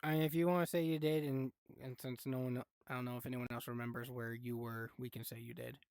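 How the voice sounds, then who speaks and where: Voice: mid-range voice, flat delivery, fast talker, darkish tone, clear, resonant tone, no room sound, clean studio sound. A game master running a live tabletop horror game in a laid-back, chatty way, laughing and swearing now and then.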